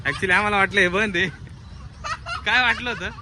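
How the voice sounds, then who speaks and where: A man's voice: high voice, brisk. A man filming a family vlog in a public garden, talking casually to his viewers and urging the children along. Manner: chatty, addresses viewers as friends, hurries the children along. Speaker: family vlogger. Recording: outdoor phone audio with loud street noise.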